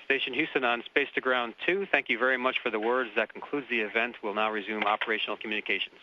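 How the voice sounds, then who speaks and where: Brisk man on a crackly radio link. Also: medium pitch, fairly even intonation. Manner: brisk, formal radio protocol. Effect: crackly space-to-ground radio link. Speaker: mission control radio operator. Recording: muffled radio link with faint hiss.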